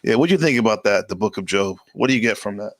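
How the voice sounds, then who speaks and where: A man's voice: on the low side, very fast, dry recording. Loose, rambling male stream host. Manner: loose, rambling, laughs often. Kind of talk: casual livestream chat.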